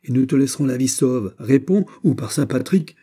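A man's voice: on the high side, expressive, brisk, warm tone, slightly rough, voice pushed up. A man reading an audiobook, voicing a blunt, threatening soldier officer. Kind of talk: audiobook character voice.

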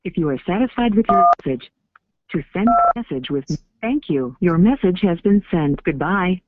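Automated voicemail prompt, woman's even system voice over a tinny, hissy phone line. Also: fairly low pitch. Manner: measured, even system announcement. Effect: automated answering machine prompt heard over the phone.

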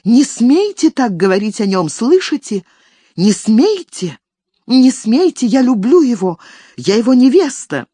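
A woman's voice: on the high side, slow pace, slightly rough, no room sound, clean studio sound, pitched above the performer's own voice. A woman voicing a frightened young woman who whispers and then bursts out in anger. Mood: indignant. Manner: soft and whispering, then indignant.

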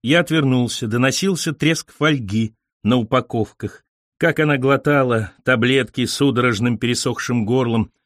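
Man reading a dark comic story, wry ironic tone, mid voice, dry close mic. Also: medium pitch, moderate pace, no room sound. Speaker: narrator.

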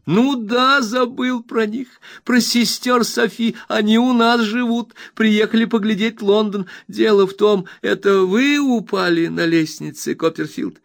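A man voicing an excitable, overjoyed young man who gushes in high, breathless exclamations. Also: unhurried, creaky, hardly any pauses. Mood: excited.

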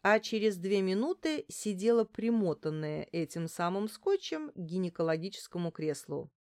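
A woman reading a first-person detective novel aloud in a steady, matter-of-fact way. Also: mid-range voice, moderate pace, no echo, studio quality. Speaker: audiobook reader.

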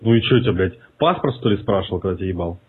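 A man's voice: deep voice, animated, racing, breathy edge. A man making a prank phone call in a mocking, provocative way, swearing as he goes. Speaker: prank caller. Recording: tinny phone line.

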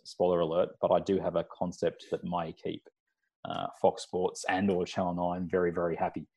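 A man's voice: low-pitched, dark tone. A man with an Australian accent hosting a casual sports podcast in a bantering, teasing way. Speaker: podcast host. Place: large echoey room at home.

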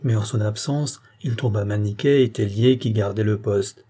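A man reading a classic novel aloud as an audiobook narrator, in a measured, even way. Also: on the low side, breathy edge. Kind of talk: scripted narration.

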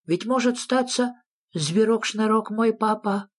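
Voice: mid-range voice, unhurried, voice pushed up, close to an everyday voice. Sniff, a reader putting on a whiny little creature. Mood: insistent. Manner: whiny, insistent. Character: small greedy fussy young male creature. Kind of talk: audiobook reading.

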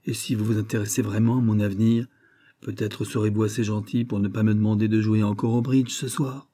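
A man's voice: on the low side, flat delivery, a little fast, dark tone, lightly acted. A man reading as a poised, ironic young lady. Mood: cool. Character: poised young society woman, cool and guarded. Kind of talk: audiobook character reading.

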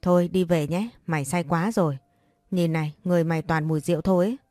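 A woman voicing a blunt young best friend in a story reading, scolding and bossy in a soft, low tone. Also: fairly even intonation, fast talker, dry recording, clean studio sound, faint music behind, lightly acted.

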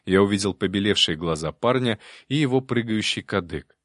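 A man's voice: lowish voice, expressive, a little fast, a bit bright, no echo. A man narrating an adventure story in the first person, with a dry, wry tone. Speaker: audiobook narrator.

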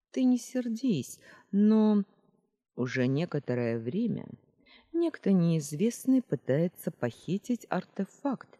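Woman reads calm male dragon, measured explainer, breathy, hall reverb. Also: low voice, exaggerated voice. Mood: explaining. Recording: roomy reverb.

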